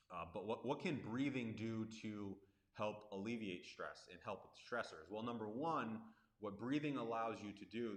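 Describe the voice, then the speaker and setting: A man with a fairly low voice speaks as a breathing and meditation coach. He explains in an informal, conversational live-stream style. The room adds a clear echo around his words. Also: fairly bright tone. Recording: roomy, echoing live stream.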